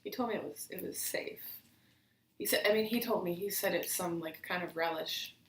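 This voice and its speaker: A woman's voice: lowish voice, normal speed. Chatty woman eating on camera. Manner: chatty, rambling with fillers between bites. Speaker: vlogger. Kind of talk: casual mukbang chat. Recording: roomy, distant camera audio with faint hiss.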